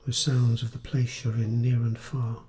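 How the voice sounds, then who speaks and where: A man guides a meditation as a teacher, gentle, soothing and unhurried, leaving pauses. His voice is medium in pitch with a level tone.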